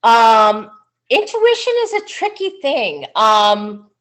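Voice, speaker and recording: Woman, psychic medium, webinar talk, slow unhurried delivery, video-call mic, chatty fillers. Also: on the high side, big pitch swings. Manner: unhurried, chatty, frequent "um"s, warm enthusiasm. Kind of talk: webinar presentation. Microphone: computer mic on a video call.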